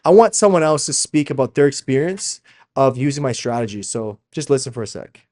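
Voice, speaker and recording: Mid-range and fairly quick, with a darkish tone, this voice belongs to a Slovak man who relocated to Canada as a small child. As a fashion brand founder and coach in a motivational sales clip, he stays informal and emphatic, addressing "guys" and tagging questions onto nearly everything.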